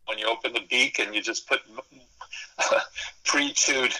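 On a rough radio interview recording, a psychology professor and consultant whose first language is Spanish answers thoughtfully, stacking lists and revising himself mid-thought. He speaks at medium pitch with fairly even intonation and a measured pace, in a bright, forceful tone.

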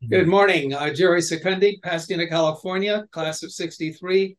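A man's voice: sits high, a little fast. A man in his eighties introducing himself on a group call in a wry, joking way. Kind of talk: casual self-introduction.

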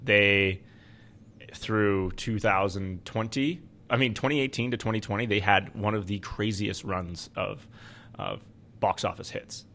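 A man with a lowish voice co-hosts a finance podcast in a casual, conversational style. There is some noise behind him. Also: a little slow, bright, forceful tone. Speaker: podcast co-host and investment adviser.

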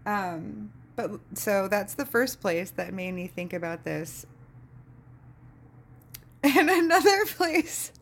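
A woman on her own podcast tells a story in a loose, sardonic monologue. She jumps into exaggerated voices, swears freely and laughs often. Her voice sits at an ordinary middle pitch. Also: a little hiss or hum. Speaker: podcast host.

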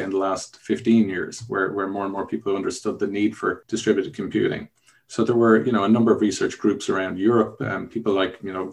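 A man's voice: fairly low pitch, vocal fry. A middle-aged man from Ireland with an Irish accent, a guest in a casual interview, explaining his past at length with frequent restarts.

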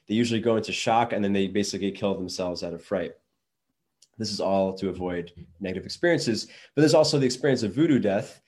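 A young adult man with a lowish, darkish voice talks casually on his own show, rambling with many restarts and fillers in a casual solo talk.

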